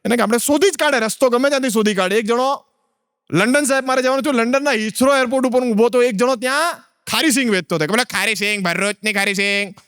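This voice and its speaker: A man tells comic stories on stage and plays the people in them in short bits of dialogue. His voice sits high and comes out clear and smooth, and he talks fast. The sound is close and dry. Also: fairly bright tone, dry recording. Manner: storytelling with acted-out dialogue. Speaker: stand-up comedian. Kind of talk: Gujarati joke telling.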